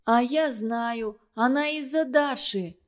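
Audiobook part: squeaky little naive girl, read by a woman, slow and piping. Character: small simple-hearted girl, pitiful. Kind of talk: audiobook character voice.

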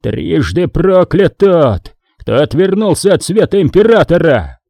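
A ranting zealot priest, a man gripped by fanatical fury, as a male narrator puts him on, raised well above his own register. He stretches his curses out slowly and hurls them hard, loud and heavy. This is audiobook drama. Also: fairly high pitch, very animated, gravelly, no echo, pitched above the performer's own voice, full character voice. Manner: roaring, drawn-out curses.

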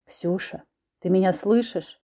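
A woman's voice: mid-range voice, measured pace, mellow. A woman voicing a blunt, commanding man who was once a cat, in an audiobook. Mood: stern. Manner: curt, commanding.

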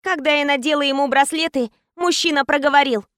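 A woman's voice: high voice, fairly even intonation, brisk, a bit bright, no echo, clean studio sound. A woman narrating a tense first-person story as an audiobook reader.

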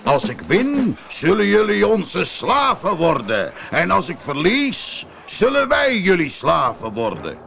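A man's voice: high voice, huge pitch swings, takes it slowly, vocal fry, hardly any pauses, fairly bright tone, soft background music, voice pushed up, exaggerated voice. A man voicing a boastful giant warrior who bellows and taunts, his voice raised well above his own. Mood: taunting.

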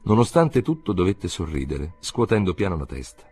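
A man reading a literary audiobook aloud in a measured, expressive way. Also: low voice, husky, no room sound. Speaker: audiobook reader.

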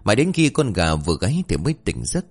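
A man narrating a folk ghost story in a lively, expressive way. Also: fairly low pitch, quick pace, husky.

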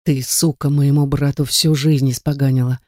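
A woman's voice: a bass voice, level tone, moderate pace, darkish tone, no echo, clean studio sound. A woman reading the lines of a hostile young man who snaps and curses harshly. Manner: harsh, snapping, cursing. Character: angry, hostile young man, brother's defender.

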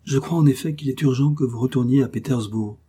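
A playful young noblewoman in an audiobook, coaxing and gently mocking, her voice lifted higher and brighter than the reader's own, as a male narrator puts her on. The tone stays slightly husky with a soft, dark edge. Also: fairly quick, natural voice. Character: lively young woman, teasing and affectionate.

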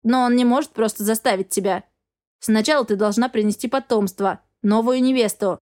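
Woman doing a blunt secretive shapeshifter guy from an audiobook, higher pitched, pretty plain delivery. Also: fairly quick, darkish tone, close to an everyday voice. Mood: defensive. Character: young man, secretive cat-like shapeshifter. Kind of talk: audiobook character reading.

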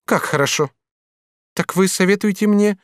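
A man voicing a devoted, proud and quick-tempered young woman servant in an audiobook, with emphatic, pleading exclamations. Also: high-pitched, no echo, studio quality, voice pushed up, natural voice. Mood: curious. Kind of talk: audiobook character reading.

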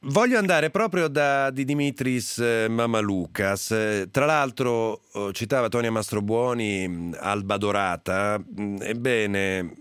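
A man hosting a live radio interview from a studio, deliberate, pausing as he shapes his questions. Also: fairly low pitch, fairly bright tone, smooth, dry recording. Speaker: radio host. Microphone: close studio microphone.

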